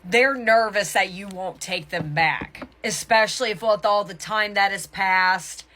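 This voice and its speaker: A mid-range, bright woman's voice with a forceful tone gives a casual tarot reading to viewers, with a little hiss or hum in the recording. She's emphatic and halting, frequently stopping to fix her own words mid-thought.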